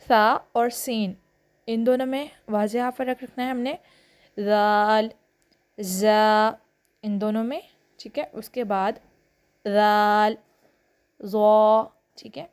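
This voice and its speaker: A woman with a Pakistani Urdu accent teaching Quran reading, reciting letters one by one in a patient, drawn-out way and checking in often. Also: a little high, darkish tone. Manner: patient, drawn-out letter names, frequent "theek hai" check-ins. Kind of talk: slow classroom lesson reciting letters.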